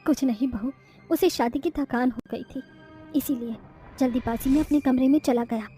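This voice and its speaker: A woman's voice: sits high, moderate pace, mellow, faint music behind, natural voice. A woman voicing a caring, firm mother-in-law in a cartoon story, speaking in a homely, reassuring way. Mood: soothing.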